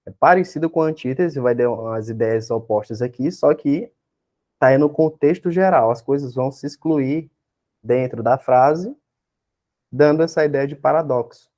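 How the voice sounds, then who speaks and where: Mellow-voiced Brazilian man teaching a class. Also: medium pitch, moderate pace. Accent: Brazilian Portuguese. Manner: explains step by step, constantly checks in with tag questions and rhetorical questions. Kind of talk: exam-prep class lecture.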